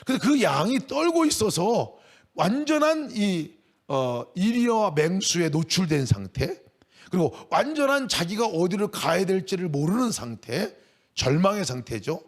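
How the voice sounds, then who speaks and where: Emphatic high-voiced male pastor preaching. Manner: emphatic, swings from quiet asides to raised cries. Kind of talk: sermon.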